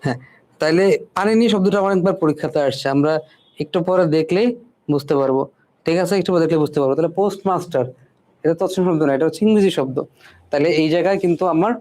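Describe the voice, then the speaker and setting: A male teacher walks students through a spelling lesson. His voice is mellow and dark in tone and pitched a little high for a man. He repeats each word several times and keeps checking in with his listeners. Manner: repeats words and keeps asking "ঠিক আছে?".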